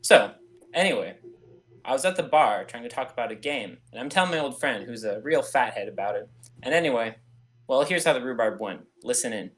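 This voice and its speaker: A man's voice: medium pitch, expressive, a little fast, fairly bright tone, close to an everyday voice. A man playing a genial local comedian doing folksy showman patter in an old-time radio comedy routine. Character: chatty, genial 1940s local stage comedian.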